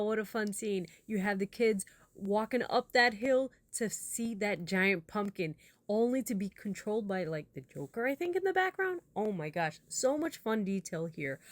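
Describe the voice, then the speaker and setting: A woman speaking as a contest judge, giving casual, encouraging critique with gentle suggestions mixed into the praise. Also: medium pitch, no echo. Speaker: judge giving feedback on Lego builds.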